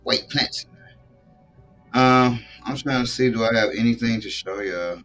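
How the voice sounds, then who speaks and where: A man of ordinary pitch hosting a relaxed live stream, talking in a loose, slangy way and swearing freely. Faint music plays quietly behind him. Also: measured pace. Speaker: podcast host showing his grow. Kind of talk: casual stream chat.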